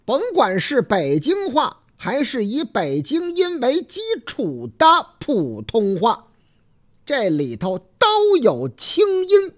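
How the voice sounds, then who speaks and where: A man with a Beijing accent hosting a casual radio talk show, chatty and folksy with drawn-out filler particles. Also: very high-pitched, huge pitch swings. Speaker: radio host.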